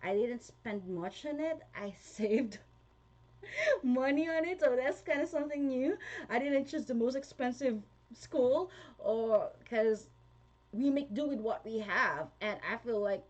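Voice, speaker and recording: A young Filipino woman vlogs casually, reading comments aloud and chatting with her viewers, laughing often and using lots of fillers. Her voice is fairly high with a darkish tone, and she keeps a measured pace.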